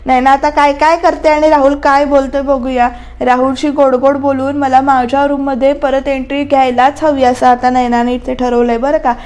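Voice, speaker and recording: A woman with a high voice narrates a TV serial recap over a voice-over mic. She is chatty and easygoing, and she keeps turning to talk straight to her viewers. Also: little pitch movement, normal speed, a little mellow. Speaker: TV serial reviewer.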